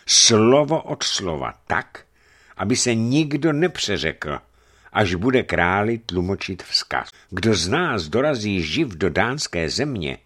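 A man reading a story and voicing a serious, thoughtful leader who speaks slowly and earnestly to his companions. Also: on the low side, big pitch swings, fairly bright tone, pitched above the performer's own voice. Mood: earnest, cautious. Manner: slow, deliberate, earnest. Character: grave, thoughtful Russian male leader, middle-aged.

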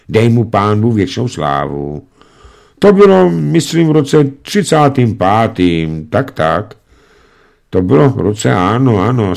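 A man's voice: medium pitch, vocal fry, darkish tone, pitched above the performer's own voice. A man voicing a very old, unflappable female servant who talks in a folksy, composed way in a storybook reading. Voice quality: folksy colloquial speech, unhurried and composed. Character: ancient calm female servant, centuries old. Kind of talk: audiobook reading.

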